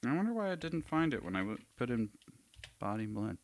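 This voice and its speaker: A man's voice: mid-range voice, big pitch swings, fast, no room sound. A man hosting a live question session, casually thinking aloud and reading long passages aloud with emphasis. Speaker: host answering viewer questions.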